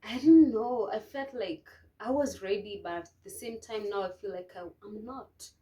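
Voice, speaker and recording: A young woman telling a personal story to camera, emotional and hesitant, with many restarts and soft, trailing phrases. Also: mid-range voice, moderate pace. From Kenya. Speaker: vlogger.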